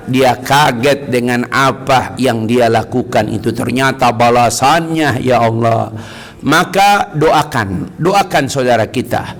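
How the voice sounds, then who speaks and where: A man preaching a mosque sermon to his congregation, animated, breaking into shouted high quotes and then dropping to soft murmurs. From Indonesia. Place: mosque hall.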